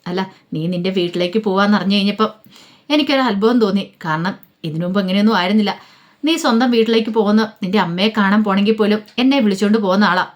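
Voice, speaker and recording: Give me an insistent, pleading husband, fast-spoken, read by a woman storyteller. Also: medium pitch, natural voice. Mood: pressing. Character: Vikram, a man questioning his wife.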